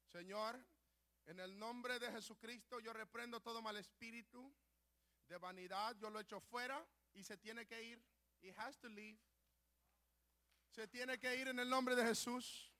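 A man preaching a sermon with passion, shouting at times and then dropping to soft pleading, with short English phrases mixed in. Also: extremely high pitch, fairly even intonation, unhurried. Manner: impassioned, swings between shouting and soft pleading.

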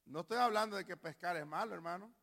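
Male pastor, sermon, very bright tone, gravelly, long hall reverb. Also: high-pitched, quick pace. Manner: emphatic, shouts out key lines, urges the congregation to respond. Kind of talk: preaching a sermon.

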